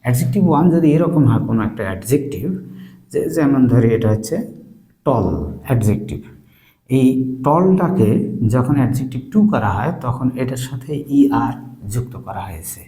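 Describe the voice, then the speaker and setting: A man explaining English grammar in Bengali, speaking slowly with pauses and spelling words out letter by letter. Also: medium pitch, animated, dark tone, roomy sound, poor audio. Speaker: English teacher.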